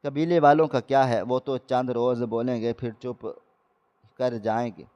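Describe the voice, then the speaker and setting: A man's voice: mid-range voice, little pitch movement, warm tone, big-room sound, highs cut off, lightly acted. A man doing a pleading old midwife. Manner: pleading, tearful. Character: kindly frightened old village midwife woman.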